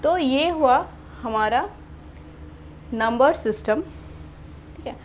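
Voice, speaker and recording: Woman teacher, high voice, slow and patient, counts out places, faint noise behind. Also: lively intonation. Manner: patient, repeats and asks herself questions; counts out number places one by one. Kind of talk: classroom math lesson.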